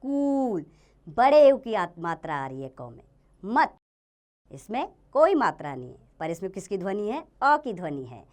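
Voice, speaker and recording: A woman teacher giving a grammar lesson to young children, sounding out letters and words slowly and asking them questions she then answers herself. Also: fairly low pitch, big pitch swings. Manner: slow, sounding out each letter and word.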